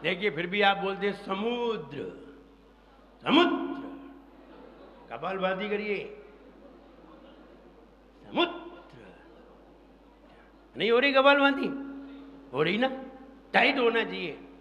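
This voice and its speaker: A man teaching a congregation how to pronounce a verse, drilling each sound slowly and chanting the lines for them to repeat. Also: high-pitched, animated, sharp tone, lo-fi sound. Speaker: monk teaching recitation. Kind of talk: pronunciation lesson within a sermon. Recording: echoey hall with faint ambience.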